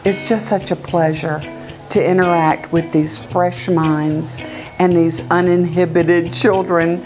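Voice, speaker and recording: A woman's voice: lowish voice, level tone, slow pace. An older woman of great-grandmother age speaking as a volunteer in a conversational, personal testimonial style. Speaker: volunteer reader speaking about a community reading program. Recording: music bed under the voice.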